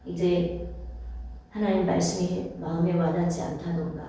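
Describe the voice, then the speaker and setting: 여성 목사 설교 캐스팅: 부드럽고 따뜻한 음색, 반복과 수사적 질문, 회중에게 아멘 유도. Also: female voice, lowish voice, level tone, normal speed, warm tone, far from the mic. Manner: repeats phrases and asks the congregation for amens; rhetorical questions to the listeners. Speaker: pastor. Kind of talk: sermon. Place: church sanctuary. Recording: very echoey church hall, voice from off-mic.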